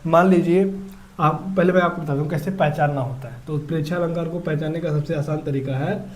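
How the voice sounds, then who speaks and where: A male teacher explaining a grammar lesson, repeating key words slowly and asking the class questions. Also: a little high. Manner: repetitive, drills words slowly.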